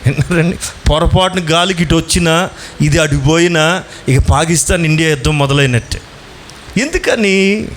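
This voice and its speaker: A man preaching a Sunday sermon as pastor, putting questions to his listeners and pressing them to answer, drawing some lines out slowly and rushing through asides. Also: fairly high pitch, fairly bright tone, a little hiss or hum. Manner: asks the congregation questions and urges answers; swings between slow emphatic lines and fast asides.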